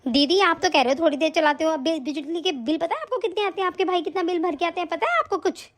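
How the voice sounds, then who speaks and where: A woman voicing a sharp-tongued, grudging sister-in-law in an animated story, full of sarcastic taunts. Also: extremely high pitch, quick pace. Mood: nagging.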